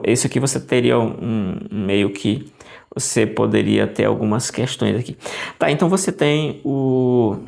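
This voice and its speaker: A man teaching a casual Bible lesson, thinking aloud with restarts, often adding "né?" and sounding out Greek words slowly. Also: fairly low pitch, gravelly, a little mellow. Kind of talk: casual lesson walking through Greek text on screen.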